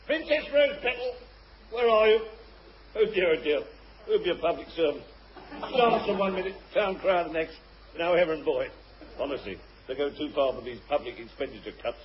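Man playing a fussy, high-voiced royal herald. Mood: flustered, calling. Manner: calling out and announcing like a royal herald, flustered. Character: fussy, flustered male palace official and royal herald. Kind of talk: pantomime stage comedy acting. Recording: muffled, very noisy stage recording.

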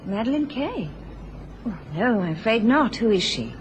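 A poised, lilting upper-class wife. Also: female voice, a little high, big pitch swings, normal speed. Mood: soothing, curious. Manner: dry-witted, soothing, questioning. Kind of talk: old radio drama acting. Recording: noisy old radio drama recording.

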